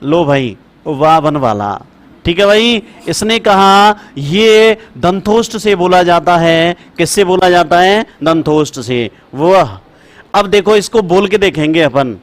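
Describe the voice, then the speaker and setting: A man teaches a class in a high voice. He speaks slowly and chants each rule several times so students can write it down. He calls them brother and child as he talks. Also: lively intonation. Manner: repetitive, chanting rules for dictation. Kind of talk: classroom lecture.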